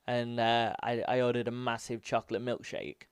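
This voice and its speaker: A man's voice: medium pitch, level tone, moderate pace, clean tone, no room sound, studio quality. An English man co-hosting a podcast, bantering in a joking, self-deprecating way. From England. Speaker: podcast co-host. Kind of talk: casual podcast chat.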